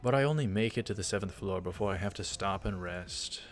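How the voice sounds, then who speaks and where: A man with a deep voice, talking a little fast, reads a visual novel aloud as he hosts a let's play. He throws in rambling, hesitant, casual asides over the faint background music of the game.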